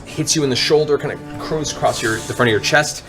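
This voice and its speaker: A man with a medium-pitched voice runs a fantasy tabletop session as game master, describing scenes with dramatic flair at a brisk pace. Music plays as a bed under his narration, and the recording quality is rough.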